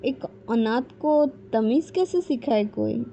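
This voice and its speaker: Cold blunt young woman brushing off her family, woman doing her, mellow and bit high, lofi. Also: animated, slow. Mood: dismissive. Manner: blunt and dismissive. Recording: dull low-fidelity mic with faint background noise.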